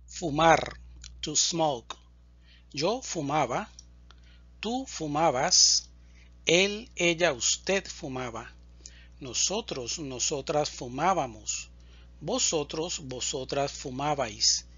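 A man teaching Spanish, slowly and deliberately reciting verb conjugations in a drill. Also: a little high, lively intonation, fairly bright tone, breathy edge, no echo, muffled recording. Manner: deliberate, enunciates each word.

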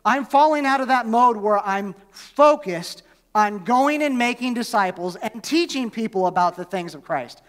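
High-voiced pastor in a reverberant hall. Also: male voice, lively intonation, moderate pace, a bit bright. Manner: conversational, asks the congregation questions. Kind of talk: sermon. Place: church.

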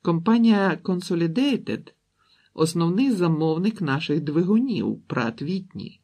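A man reading an audiobook, voicing a polite, matter-of-fact aircraft executive in a slightly raised, louder voice with a raspy edge. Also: fairly high pitch, lively intonation, unhurried, pitched above the performer's own voice. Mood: polite, cool. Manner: courteous, matter-of-fact, dismissive. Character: smooth polite American aircraft executive, middle-aged man.

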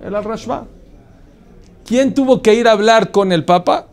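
A man with a slightly raised voice teaches a religious class. He tells the story in an animated way, stops to put questions to his listeners and scatters Hebrew terms through his Spanish. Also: high voice, moderate pace.

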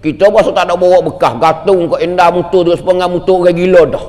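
A man's voice: sits high, flat delivery, quick pace, darkish tone, big-room sound. A man preaching a sermon, emphatic and repetitive, asking rhetorical questions. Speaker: religious teacher.

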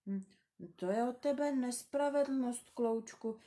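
A woman voicing a grown man, a kind and worried pilot, speaking low and hesitantly in a storybook reading. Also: dark tone, lightly acted. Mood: uneasy.

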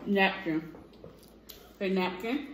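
A young woman vlogger hosts a casual mukbang at home, chatting and rambling into her phone and calling her viewers "y'all." Her voice is medium-pitched and slow, with a noisy background in an echoey indoor room.

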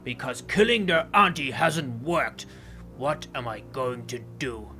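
A man's voice: mid-range voice, animated, measured pace, bright, forceful tone, soft background music. A man voicing a scheming, greedy villain in a game roleplay, muttering sing-song lines and cackling. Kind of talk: Minecraft roleplay voice acting.

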